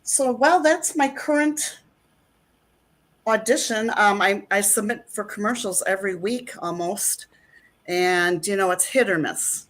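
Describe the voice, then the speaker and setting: This middle-aged actress speaks a little slowly in a mid-range, slightly bright voice. As a guest in a casual interview, she rambles and leans heavily on fillers.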